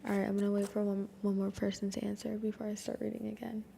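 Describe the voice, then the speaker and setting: A woman's voice: mid-range voice, monotone, fast, vocal fry, mellow, slight background noise. A young woman streamer doing whispered ASMR reading, casually chatting with her viewers between passages.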